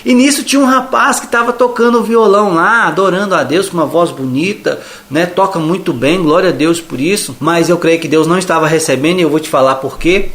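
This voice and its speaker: A man's voice: high-pitched, brisk, few pauses, a bit bright. A man with a Brazilian accent giving a chatty religious testimony, retelling conversations as he goes. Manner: chatty retelling, acting out the dialogue. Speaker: evangelical believer giving testimony. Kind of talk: testimony storytelling.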